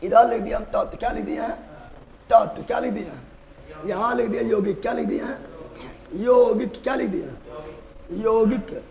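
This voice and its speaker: A man's voice: very high-pitched, normal speed, gravelly, long pauses, darkish tone, poor audio. A man teaching chemistry in a live class, repeating each answer. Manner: repeats answers in a sing-song drill, asks and answers himself. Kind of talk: live online class, call-and-response drilling.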